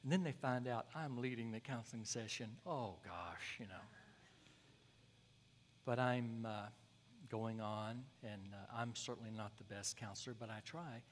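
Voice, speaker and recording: A man's voice: mid-range voice, measured pace, a little hiss or hum. A male pastor telling a story in a sermon, folksy and conversational with asides. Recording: long hall reverb.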